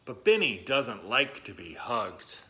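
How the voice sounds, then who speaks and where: Reading aloud and chatting with young children, this male host sounds eager and encouraging, addressing them directly and stretching words to stress them. He speaks slowly in a lowish voice that swings widely in pitch, with a bright, forceful tone.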